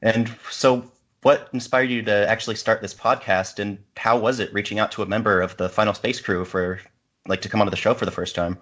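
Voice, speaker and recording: A man's voice: lowish voice, fairly even intonation, a little fast, fairly bright tone. A man guest-hosting a casual podcast interview, asking questions in a polite, appreciative way.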